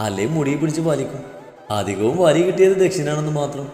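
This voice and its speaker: A man's voice: fairly high pitch, a little mellow. Tender male storyteller in echoey room. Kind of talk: storybook narration. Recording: roomy reverb with faint music.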